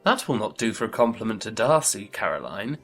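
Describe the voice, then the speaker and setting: Man playing an amiable, impulsive young gentleman. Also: on the low side, very animated, brisk, creaky, faint music behind, full character voice. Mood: teasing. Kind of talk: dramatised classic novel audiobook.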